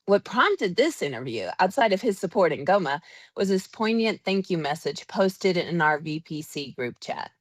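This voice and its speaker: A woman's voice: fairly low pitch, sing-song, normal speed, no room sound. A woman hosting a podcast, reading a polished, upbeat introduction and then interviewing her guest. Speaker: podcast host.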